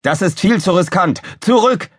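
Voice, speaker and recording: A man voicing a fussy, alarmed male chief engineer who snaps and shouts in a storybook. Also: high voice, lively intonation, moderate pace, husky, no room sound, studio quality, pitched above the performer's own voice. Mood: snappish. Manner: snappish, panicky shouting.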